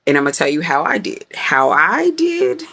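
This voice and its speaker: A woman's voice: low voice, moderate pace. A woman vlogger giving a casual, rambling faith talk straight to her viewers, dramatic by her own account. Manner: rambling and animated, self-described dramatic; talks to viewers directly, with frequent fillers.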